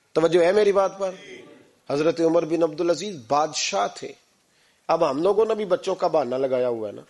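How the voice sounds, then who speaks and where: A man preaching a sermon in a Pakistani Urdu accent, emphatic and full of rhetorical questions that rise on key points. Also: high voice.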